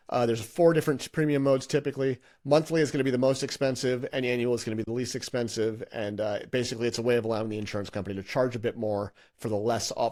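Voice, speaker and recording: A man's voice: medium pitch, darkish tone. A middle-aged man teaching an exam-prep lesson with slides, in a conversational way with many restarts and fillers. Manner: conversational, thinks aloud with frequent restarts and fillers. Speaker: licensing instructor.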